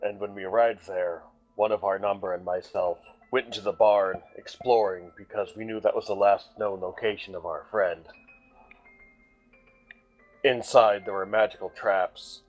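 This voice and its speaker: A man playing a measured adventurer who formally recounts a quest in a deliberate storyteller's manner in a tabletop game. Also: sits low, muffled recording.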